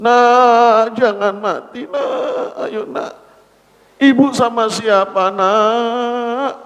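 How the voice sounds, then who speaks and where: A man's voice: big pitch swings, extremely slow, vocal fry, fairly bright tone, muffled recording, full character voice. A preacher voicing a grief-stricken father who wails and scolds his dead son. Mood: wailing pleading. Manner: wailing, shrill and reproachful. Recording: echoey hall.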